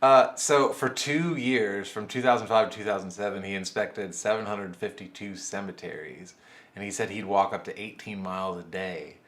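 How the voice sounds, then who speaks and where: A young man with a very low voice tells a story on a casual podcast. He rambles, laughs easily and lets his sentences trail off. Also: steady tone, moderate pace, a bit bright. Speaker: podcast co-host.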